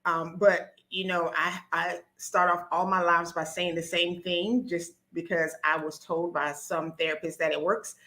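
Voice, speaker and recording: Bright, excited woman hosting a live stream. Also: on the low side, measured pace, few pauses. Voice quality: nervous, talkative, many ums and restarts.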